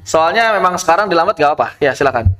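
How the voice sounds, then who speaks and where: A man teaching an online tajwid lesson. He explains with rhetorical questions and recites Arabic verse slowly. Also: fairly high pitch, expressive, a bit bright, faint music behind. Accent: Indonesian.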